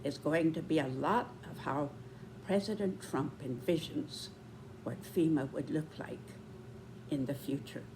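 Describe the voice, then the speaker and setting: A woman in her nineties giving reflective spoken commentary, with deliberate, measured phrasing and pauses. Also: low-pitched, background noise. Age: 90s.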